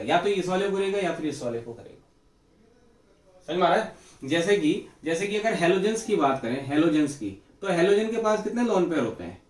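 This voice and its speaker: A man teaching chemistry in a fairly high voice, posing questions and answering them himself and repeating each key term. The room rings with echo and the mic sits some way off from him. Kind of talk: classroom lecture. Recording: echoey room, mic far off.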